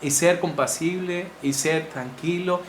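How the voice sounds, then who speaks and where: Animated Mexican man teaching the Bible. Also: fairly high pitch, a little slow. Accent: Mexican Spanish. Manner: animated, acts out voices of wives and husbands. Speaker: church teacher. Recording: echoey room with faint noise.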